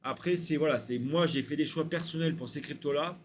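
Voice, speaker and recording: A man with a slightly raised voice chats casually to camera, pausing often with hesitant fillers as he runs through long lists. There is a faint hum of room ambience under his voice. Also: on the high side. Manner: chatty, many hesitation fillers, rattles off lists. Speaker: crypto YouTuber.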